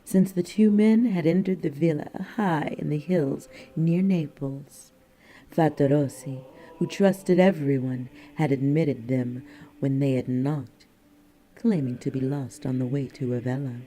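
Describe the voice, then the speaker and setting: A man narrating a historical thriller audiobook in a measured, deliberate way. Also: a little high, steady tone, dark tone.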